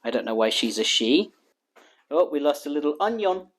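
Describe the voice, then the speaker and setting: A man hosting a cooking vlog, walking through a burger recipe in calm voice-over and then tasting it on camera with loud, joking enthusiasm. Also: a little high, normal speed. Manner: energetic and jokey, exclaims while tasting; calm, steady instruction in voice-over. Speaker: cooking show host.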